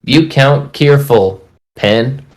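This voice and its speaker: A man voicing a fat, tubby, grumpy old fisherman in a put-on Northeastern US accent, snapping and scolding in a raised, higher voice. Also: very slow.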